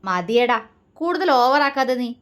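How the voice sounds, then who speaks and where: A woman's voice: sits high, sing-song, a little slow, clean tone. A woman voicing a scheming young man who taunts and threatens the others. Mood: sneering. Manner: sneering and taunting.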